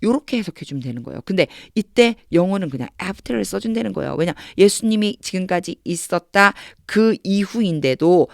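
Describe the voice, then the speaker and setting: A woman's voice: on the low side, gravelly, no room sound, clean studio sound. Patient woman teaching English reading. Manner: explains patiently, reads English phrases slowly and stresses them; acts out quoted lines with lively emphasis. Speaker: English tutor. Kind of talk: Bible-based English reading lesson.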